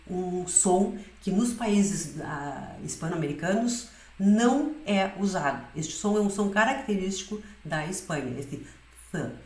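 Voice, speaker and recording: A woman's voice: medium pitch, darkish tone, reverberant. A woman teaching a Spanish pronunciation lesson in Portuguese, explaining patiently and often checking in with her students.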